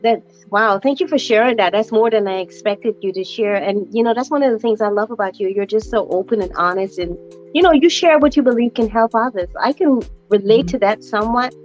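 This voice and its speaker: A woman's voice: a little high, fairly quick, dull audio, soft background music. A woman hosting a casual interview, encouraging and chatty, often saying "you know". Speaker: host.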